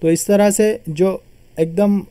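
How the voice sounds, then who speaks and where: A man's voice: high-pitched, steady tone, takes it slowly, dark tone, clean tone, no room sound. A man teaching a grammar lesson, patiently explaining and repeating terms as he sounds them out.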